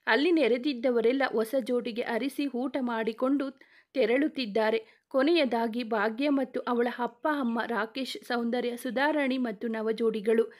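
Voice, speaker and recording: Woman storyteller, romance serial read-aloud, steady, fairly high voice. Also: moderate pace. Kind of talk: scripted story narration.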